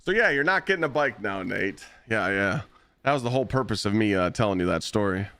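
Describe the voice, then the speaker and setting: A man livestreaming and spinning blunt, profanity-laced stories. His pitch swings widely as he talks, and the sound is dry and close on the mic. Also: fairly quick, no echo. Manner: blunt, profane, animated storytelling. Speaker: live streamer. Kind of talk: casual storytelling while gaming.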